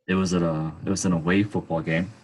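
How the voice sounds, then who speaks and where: A man with a very low, husky voice chats on a casual podcast, launching into animated stories from his work as an athletic trainer. He talks loosely and freely, with a laid-back feel. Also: quick pace. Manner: animated storyteller.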